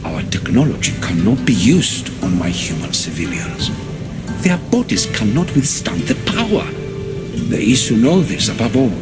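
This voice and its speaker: A fairly low male voice with big swings in pitch, at normal speed, plays a proud, commanding god-king in a video game. His delivery is formal, authoritative, stately and assured, dramatic game acting over loud background music.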